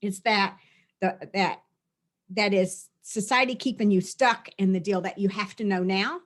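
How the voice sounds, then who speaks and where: A middle-aged woman who is a spiritual teacher earnestly guides a release session, often repeating phrases and listing them. Her voice is medium-pitched and unhurried.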